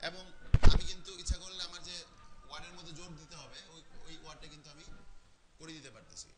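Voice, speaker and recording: A man teaching a graphic design class, walking students through software steps in a casual way, often checking in with "okay?". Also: on the high side. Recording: noisy classroom recording.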